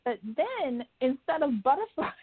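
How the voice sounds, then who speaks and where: A woman tells a personal story with animated energy, acting out what people said. Her voice is fairly high. The sound is thin and tinny, like a phone line. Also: measured pace. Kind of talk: casual chat.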